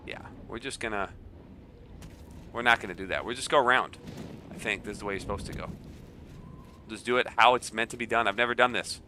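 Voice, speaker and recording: Stuffy nasal guy streaming a game, chatty and jokey, lowish bright voice. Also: a little fast, long pauses, slight background noise. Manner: chatty, joking, reacting aloud. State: a bit stuffy with a cold. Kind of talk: casual gameplay chat.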